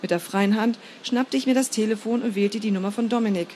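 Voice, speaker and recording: A woman narrating a first-person story in a measured, steady reading voice. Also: mid-range voice, slight background noise.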